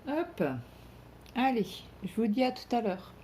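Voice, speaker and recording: A woman's voice: fairly high pitch, animated, measured pace, mellow, a little hiss or hum. A middle-aged woman chatting casually at home as she stitches along with her viewers, thinking aloud and trailing off now and then. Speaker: cross-stitch vlogger.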